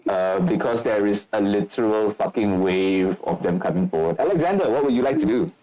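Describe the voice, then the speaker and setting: A man's voice: lowish voice, lively intonation, brisk, mellow, highs cut off. A man running a tabletop game online as game master, calling out rolls and turns in a matter-of-fact way.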